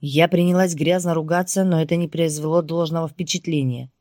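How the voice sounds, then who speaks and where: A woman reading first-person audiobook narration in a steady storytelling voice. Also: deep voice, brisk, no room sound, clean studio sound.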